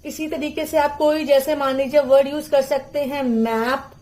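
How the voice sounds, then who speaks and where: A woman giving a patient phonics lesson, sounding out syllables slowly for parents and teachers to repeat to children. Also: high-pitched, little pitch movement, a little mellow.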